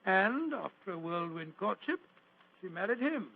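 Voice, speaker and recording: An actor playing an elderly, courteous British Doctor Watson in a vintage radio drama, chuckling and hesitating as a storyteller. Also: male voice, sits high, big pitch swings, moderate pace, vocal fry, no echo, exaggerated voice. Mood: reminiscing. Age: older. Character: genial, doddering elderly Doctor Watson, storytelling old gentleman. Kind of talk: 1940s radio acting. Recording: dull, lo-fi old radio recording.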